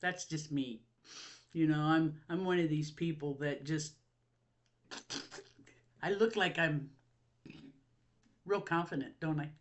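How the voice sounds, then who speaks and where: A woman's voice: on the low side, a bit bright. Chatty older woman. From Ohio. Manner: rambling, chatty, laughs often, self-mocking. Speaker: vlog host. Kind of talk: casual chat to camera. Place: at home.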